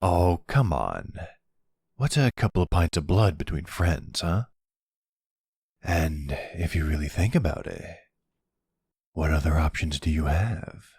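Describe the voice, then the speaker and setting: In an intimate ASMR roleplay, a man voices a smug, flirty, teasing vampire in full character, drawling playfully and tauntingly close to a dry studio-style mic with no room sound. His deep, gravelly, husky voice is darkish and coaxing, with lively intonation, a slightly slow pace, and frequent pauses.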